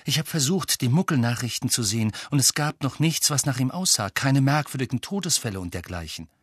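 A man playing an earnest teenage boy who asks straight questions. The voice is a touch higher than a grown man's and lively. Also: brisk, husky, dry recording, clean studio sound. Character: teenage boy, eager and determined.

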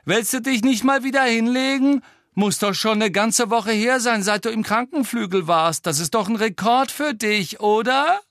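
Guy doing a snotty teen boy bully, high and nasty, voice sounds different from his own. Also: moderate pace, a bit bright, no room sound, studio quality. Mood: taunting. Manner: mocking, scornful. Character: sneering arrogant teenage boy rival.

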